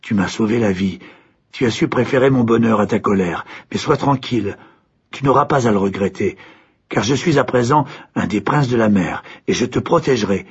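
A man doing a soft-spoken merman prince. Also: fairly low pitch, moderate pace, husky, muffled recording. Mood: gentle. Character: young merman prince, calm and protective.

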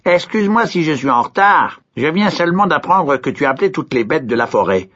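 A polite, quick talking frog, as a man acts it out speaks in a raised, lively storybook voice. It sounds husky on a dull, lo-fi recording. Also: a little high, pitched above the performer's own voice.

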